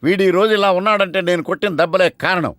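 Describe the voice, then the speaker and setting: A man's voice: high voice, fast, fairly bright tone, slight background noise. An actor playing a strict, pompous old college lecturer who scolds and punishes his students. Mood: stern. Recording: film soundtrack with music.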